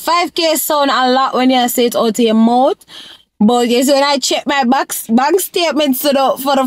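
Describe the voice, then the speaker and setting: A young Jamaican woman talks straight to her viewers in a casual advice vlog. She slides between English and patois in a relaxed, chatty way. Her voice sits a little high and sounds close and dry, with no room echo. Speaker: vlogger.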